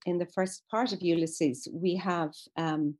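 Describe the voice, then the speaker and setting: A literature specialist takes part in a conversational interview as a guest, her voice low, darkish, steady in tone, and unhurried. She explains at length in a considered way, frequently using fillers and starting her sentences over.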